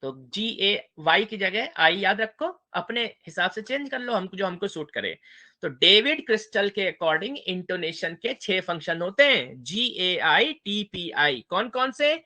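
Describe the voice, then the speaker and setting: A male lecturer teaching a class in two languages with a bright, clear voice. His delivery is playful and animated, full of quick check-ins with the students. His pitch rises and falls freely. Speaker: university English lecturer.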